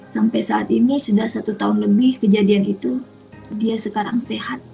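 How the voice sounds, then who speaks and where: Woman, personal testimony, gravelly fry, mellow dark tone, faint music behind. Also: medium pitch, steady tone, normal speed, rough recording. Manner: earnest, retells dialogue in quoted exchanges. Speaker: testimony speaker.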